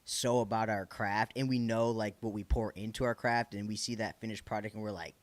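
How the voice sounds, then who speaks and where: A man's voice: fairly low pitch, fairly even intonation, a little fast, no echo. Man, Michigan accent, slangy casual hosting, encouraging manner, dry recording with little room sound. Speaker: podcast host. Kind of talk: casual interview chat.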